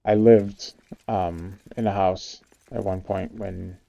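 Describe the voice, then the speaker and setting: A man chatting casually on a stream, telling a relaxed story with fillers. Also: low-pitched, slow, vocal fry, lo-fi sound. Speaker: stream guest. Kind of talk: casual chat.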